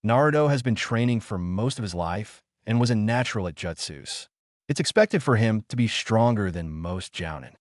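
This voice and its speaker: Brief: man as a calm, teasing ninja mentor, matter-of-fact, lowish voice. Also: moderate pace, no room sound, studio quality, lightly acted. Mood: dry. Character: calm, teasing adult male ninja teacher.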